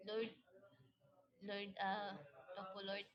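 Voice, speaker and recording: A Filipino woman hosting a casual livestream, mock-praying to the Lord about gifts from viewers in a polite, pleading way. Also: medium pitch. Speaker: livestream host. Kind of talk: casual livestream chat, pretending to pray. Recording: dull lo-fi audio with loud crowd behind.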